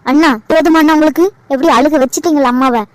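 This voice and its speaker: A pleading, protective young daughter from a homemade cartoon, voiced by a woman. She speaks fast and high. The sound is dry and close. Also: steady tone, no echo, natural voice. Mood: indignant. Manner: pleading, indignant. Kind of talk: amateur cartoon voice acting.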